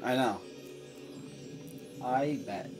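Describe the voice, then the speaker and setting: Man bantering with clear game music behind. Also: medium pitch. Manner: teasing, quick banter. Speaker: let's play co-host. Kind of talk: casual gameplay chat.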